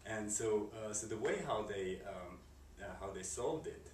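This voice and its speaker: A man from Slovakia with a Slovak accent, a composer answering interview questions in a halting way, with many fillers and restarts. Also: on the low side, a little mellow. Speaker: composer and curator. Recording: roomy, distant mic, noisy background.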